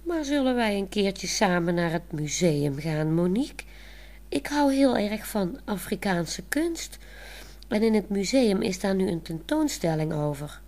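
A woman's voice: mid-range voice, big pitch swings, a little slow, a little mellow. A woman voicing a shy, bashful grown man in love who talks hesitantly and stammers, in a storybook reading.

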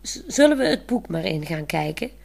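A woman's voice: medium pitch, lively intonation, unhurried, darkish tone. A woman voicing a shy, bashful grown man in love who talks hesitantly and stammers, in a storybook reading.

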